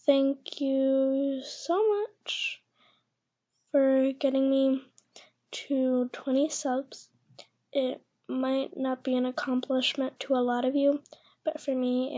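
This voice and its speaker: A young woman with a lisp, talking quietly and awkwardly with many pauses in a casual vlog, keeping her voice down at home. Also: high-pitched. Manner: awkward, hesitant, speaking quietly to keep her voice down. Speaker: channel host. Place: echoey house, indoors. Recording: dull lo-fi home recording.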